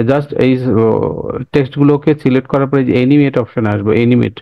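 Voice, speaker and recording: Over a screen capture, a fast-talking instructor with a gravelly, mid-range voice walks through a software lesson, going over steps again and asking often whether listeners follow. The audio sounds flat and muffled, recorded dry.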